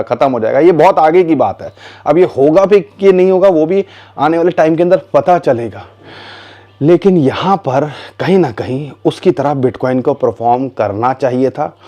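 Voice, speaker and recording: Mellow-voiced man explaining markets. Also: mid-range voice. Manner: conversational, addresses viewers as "bhaiya", rhetorical questions. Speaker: crypto market commentator. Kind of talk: casual explanatory commentary.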